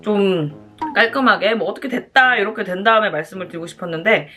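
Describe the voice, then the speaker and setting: A woman's voice: medium pitch, fairly quick, a bit bright, faint music behind. A woman chatting casually to viewers as a mukbang host, talking between bites while she eats.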